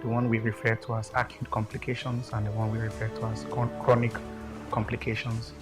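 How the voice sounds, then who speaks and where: A man gives a formal medical explanation in a news interview clip. His delivery is flat and even, and loud music plays underneath. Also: medium pitch, brisk. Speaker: medical expert.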